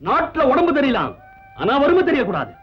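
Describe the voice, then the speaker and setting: A man's voice: very high-pitched, wildly swooping pitch, fairly quick, music in the background, heavily acted. An actor playing a pompous husband who keeps switching political parties, speechifying in a 1970s film comedy. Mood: boastful. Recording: dull old film soundtrack.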